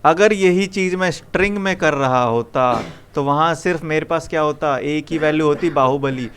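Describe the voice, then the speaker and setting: A man's voice: a little high, moderate pace, fairly bright tone, slight background noise. A young man teaching programming to a live classroom, coaxing students with repeated questions. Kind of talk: live classroom coding lesson.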